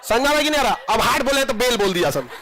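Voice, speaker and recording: A man's voice: very high-pitched, big pitch swings, rapid-fire, noisy background. A man teaching a classroom biology lecture, joking and teasing his students and laughing often.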